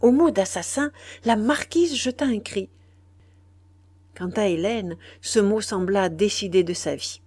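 A woman narrating a classic novel as an audiobook, in a measured, unhurried storytelling manner. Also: medium pitch, a little mellow, dry recording.

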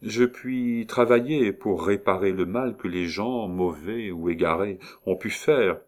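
A man reading as a grave doctor at a sickbed, deep-voiced and unhurried. He probes gently with low, soothing questions, read aloud from a storybook. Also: natural voice. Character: calm, grave male doctor, gently probing.

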